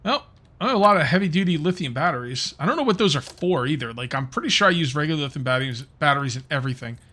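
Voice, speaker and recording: His voice is on the high side, animated and rapid-fire, bright and forceful. This gaming YouTuber keeps up loose, rambling chatter to viewers during his let's-play.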